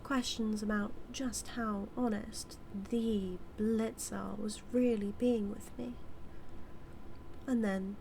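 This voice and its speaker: Slow and fairly even in intonation, this mid-range British woman's voice has vocal fry and a darkish tone as she voices a conniving supervillain. Smugly teasing, she addresses the listener as her nemesis in a scripted roleplay, drawling dramatically and dropping toward whispers at times. The recording is rough, with a little hiss or hum.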